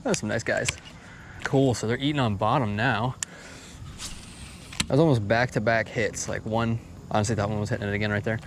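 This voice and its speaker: A man's voice: fairly low pitch, steady tone, fairly quick, pauses often. A man chatting casually in an outdoor fishing vlog, with frat-bro slang and hyped exclamations. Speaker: angler filming a fishing video. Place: outdoors by the water. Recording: outdoor recording with clear background noise.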